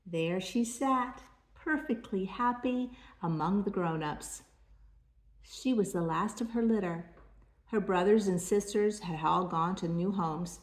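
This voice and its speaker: An older woman with a grandma voice, reading a children's storybook aloud in a measured storytelling way. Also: medium pitch, reverberant.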